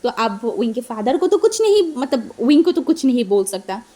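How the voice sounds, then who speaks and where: A woman's voice: a little high, sing-song, normal speed, warm tone. A woman casually retelling a fan story in a chatty way, dropping in English words and giggling now and then. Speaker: fanfiction storyteller.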